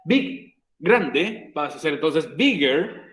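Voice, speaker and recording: A man's voice: fairly high pitch, expressive, slow, fairly bright tone, roomy sound, poor audio. A man teaching an English grammar rule in a virtual class, patiently repeating each step for his students. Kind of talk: virtual class explanation in Spanish. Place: room, recorded for an online class.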